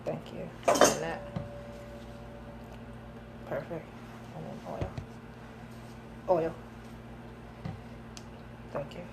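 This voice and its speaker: A woman's voice: deep voice, level tone, drawn-out words, gravelly, pauses often, noisy background. A woman chef giving a live cooking demonstration in a kitchen, chatty and instructive, joking with her helpers, recorded on a phone camera. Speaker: chef and caterer. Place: home kitchen, indoors.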